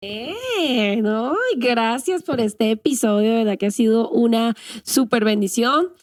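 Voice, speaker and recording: A woman hosts a faith podcast with an upbeat, affirming manner. Her voice sits fairly high and sounds close and dry. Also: expressive, a little slow, no room sound. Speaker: podcast host.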